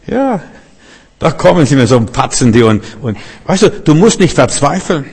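Guy preaching, animated, acts out bible stories, keeps saying "you know". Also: a little high, normal speed, slightly rough, big-room sound. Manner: animated, acts out biblical figures, frequent "weißt du". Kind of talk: sermon.

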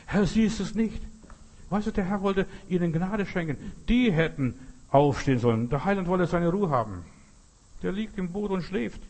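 Man, preacher, husky voice, sermon, earnest direct exhortation. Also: high voice, expressive, moderate pace, a little mellow.

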